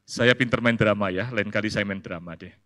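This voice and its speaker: A man preaching a sermon as pastor, animated and playful, swinging between high emphatic peaks and soft asides. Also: a little fast. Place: large church hall. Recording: long hall reverb.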